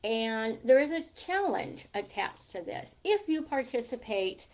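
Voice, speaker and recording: A mature woman with a fairly high voice and a noticeable lisp that whistles on her s. She talks like a coach on a casual livestream, chatty and informal, wandering into little asides as she addresses her viewers. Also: sing-song, measured pace, a little mellow. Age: middle-aged or older. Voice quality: lisp with whistling, slushy s from a gap in her teeth.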